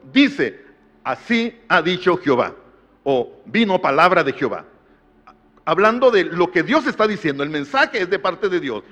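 Middle-aged male pastor, animated, higher-pitched sermon voice; dull recording in a reverberant church hall. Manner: tells a family anecdote, rising to emphatic repetition.

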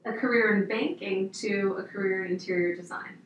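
A woman's voice: medium pitch, steady tone, a little fast, heavy reverb, far from the mic, slight background noise, low-quality recording. A woman who hosts a beauty podcast interview from her office, chatty and upbeat, with some fillers. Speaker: podcast host, plastic surgeon.

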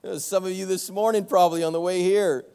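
Give me a man preaching in a church, acting out a funny story in a high voice with a long echo behind him. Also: a little fast, gravelly, clean tone. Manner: animated storytelling, acts out both sides of an argument, self-mocking. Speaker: pastor. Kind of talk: sermon with a personal story. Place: church sanctuary.

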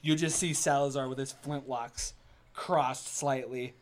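A man's voice: medium pitch, fairly even intonation, a little slow. A man narrating a tabletop game as game master, improvising in a theatrical way.

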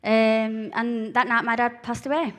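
A woman with a broad Glaswegian Scottish accent, telling a personal story to listeners in an earnest, halting way, repeating phrases for emphasis. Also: fairly high pitch, little pitch movement. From Glasgow, Scotland. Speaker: speaker giving a testimony. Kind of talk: personal testimony told to listeners.

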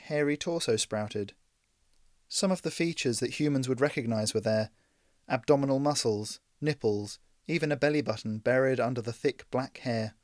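A man reading a science fiction story aloud in measured scripted narration. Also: medium pitch, no room sound, clean studio sound. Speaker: audiobook narrator.

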